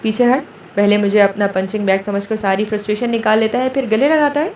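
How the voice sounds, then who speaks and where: A man's voice: high voice, steady tone, a little hiss or hum, close to an everyday voice. A woman narrator voicing a playful, grumbling young husband, recorded distant and roomy with a dull tone. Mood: teasing.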